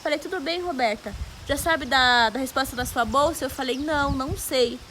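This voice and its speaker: Brief: young Brazilian woman, high bright voice, church testimony, animated storyteller who acts out quotes and prayers. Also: normal speed, a little hiss or hum. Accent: Brazilian Portuguese. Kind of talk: emotional personal testimony to a congregation.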